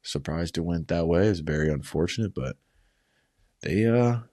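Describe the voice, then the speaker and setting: A man's voice: low-pitched, moderate pace, mellow, no room sound, studio quality. A man casually recapping fight events at home, rambling and swearing, tossing in "bro" and "man" constantly. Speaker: combat sports vlogger.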